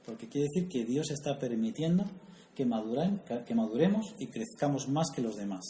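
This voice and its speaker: A man's voice: medium pitch, expressive, normal speed, mellow, slight background noise. A man preaching a sermon in a conversational way, asking the audience questions and adding humorous asides. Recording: echoey room, faint ambience.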